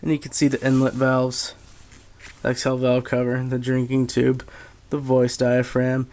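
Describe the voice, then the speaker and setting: A man giving a casual, unscripted gear review in a halting, low-key way with frequent pauses. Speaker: military surplus collector reviewing gear. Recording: steady background noise, handheld camera.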